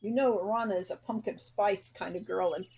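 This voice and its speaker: A woman with a very husky voice giving casual, chatty commentary alongside a game. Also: mid-range voice, fairly even intonation, moderate pace, mellow.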